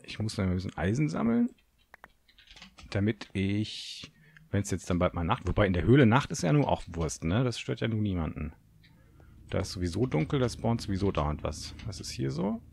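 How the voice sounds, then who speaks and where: A man's voice: low-pitched, vocal fry, darkish tone, husky. A young German man commenting on his own game, nervous and talking to himself, swearing at monsters. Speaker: gaming video host. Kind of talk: Let's Play commentary.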